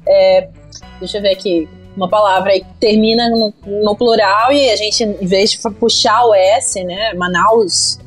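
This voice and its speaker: A woman's voice: medium pitch, fairly even intonation, measured pace, slightly rough, faint music behind. A woman talking in a casual podcast chat, thoughtful, dotting her sentences with fillers. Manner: reflective, fills with "né".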